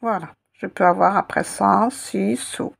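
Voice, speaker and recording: A woman teaching an Arabic letter in a slow, step-by-step lesson, patiently repeating sounds for her students. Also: mid-range voice, fairly even intonation, vocal fry.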